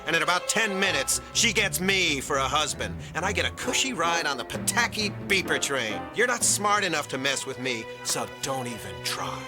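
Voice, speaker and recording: An actor playing a smooth-talking, lying con man in a cartoon, oily and smug, with music behind. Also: on the high side, very animated, normal speed, hardly any pauses. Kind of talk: cartoon voice acting.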